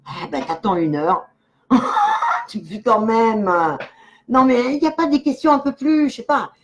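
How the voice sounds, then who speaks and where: A woman's voice: on the high side, normal speed, muffled recording, slight background noise. An older woman, a clairvoyant medium, chatting casually and giggling as she talks straight to the viewers of her live stream.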